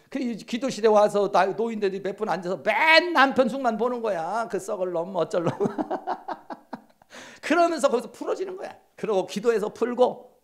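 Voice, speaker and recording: A middle-aged man giving a counseling lecture at a seminary, telling stories and acting out quoted lines in hushed voices. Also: high-pitched, vocal fry.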